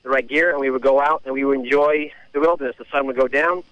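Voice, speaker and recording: Radio caller, male, bright voice, hesitant with fillers, dry phone-line sound. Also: mid-range voice, fairly even intonation, fast talker, no room sound. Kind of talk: casual phone-in chat.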